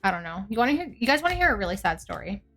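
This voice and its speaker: A woman's voice: mid-range voice, sing-song, racing, fairly bright tone, faint music behind. A woman from Canada live streaming, chatting casually with viewers in a cute, bubbly anime-streamer manner. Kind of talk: casual livestream chat with viewers.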